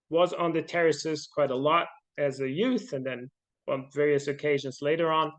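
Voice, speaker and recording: A middle-aged Austrian man, appearing as a podcast guest, speaks in a somewhat high, slightly bright voice. His casual interview talk is thoughtful, with many fillers and restarts.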